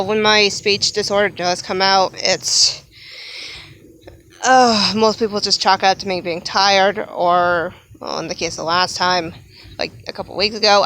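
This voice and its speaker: A woman's voice: mid-range voice, fairly bright tone. A young adult woman talking casually in a rambling vlog monologue, laughing often and breaking off to apologize. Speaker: vlogger.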